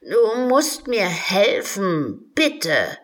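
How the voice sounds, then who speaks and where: A woman's voice: medium pitch, expressive, slow pace, pitched above the performer's own voice, full character voice. Woman putting on a whiny tiny unicorn. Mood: pleading. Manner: loud, complaining, cries out in pain.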